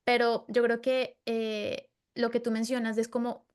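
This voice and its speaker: A woman's voice: on the high side, level tone, measured pace, clear, resonant tone. A woman from Latin America hosting a casual interview, talking earnestly with fillers like "como" and tag questions. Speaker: podcast host.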